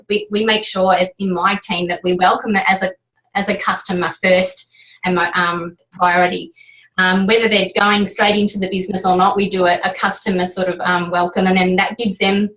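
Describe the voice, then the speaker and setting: A woman's voice: medium pitch, a bit bright, far from the mic, low-quality recording. A woman team leader sharing tips in a casual training chat, rambling with lots of ums and restarts.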